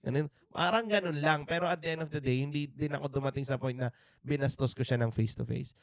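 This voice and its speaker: Earnest Filipino man, smooth clear voice. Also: medium pitch, no echo, studio quality. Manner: earnest, reflective, with frequent restarts and fillers. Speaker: podcast co-host. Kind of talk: candid faith testimony, mixing Tagalog and English. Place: indoor podcast studio.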